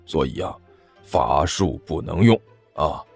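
A low, gravelly old master, as a male storyteller puts him on, slow and drawn-out as he coaxes and soothes his hotheaded disciple. His rough, deep tone rides over faint background music in a storybook reading. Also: lively intonation, a little mellow, exaggerated voice. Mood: explaining. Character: older male sect master, sly and coaxing. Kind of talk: storytelling narration with character voices.

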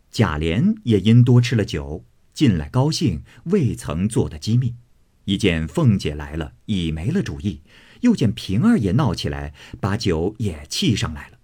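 A man giving an expressive dramatic reading of a classic novel as storyteller. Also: breathy edge. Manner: expressive, swinging pitch.

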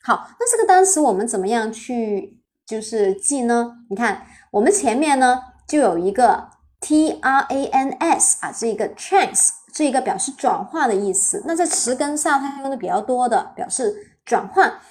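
A woman's voice: on the high side, animated, normal speed, darkish tone. A woman teaching English vocabulary on a live stream, spelling words letter by letter, asking her students questions and praising them often.

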